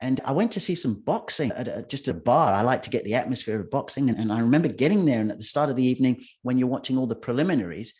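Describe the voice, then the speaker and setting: A man's voice: medium pitch, expressive, fast talker, hardly any pauses, a little mellow. A middle-aged man, a guest in a casual interview, telling rambling anecdotes with restarts and acting out quotes. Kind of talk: casual storytelling conversation.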